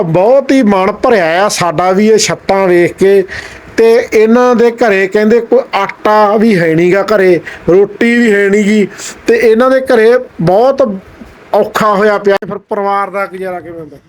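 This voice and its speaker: A man hosting a charity video, making gentle, earnest, repeated appeals to viewers. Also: high-pitched, moderate pace.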